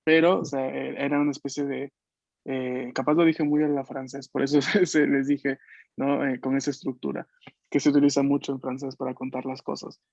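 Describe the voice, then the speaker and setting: A man teaching a French class online in Spanish, patiently explaining and slowly modeling words for his students. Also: medium pitch, flat delivery, gravelly, darkish tone, no room sound. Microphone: video call. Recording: dull lo-fi video call audio.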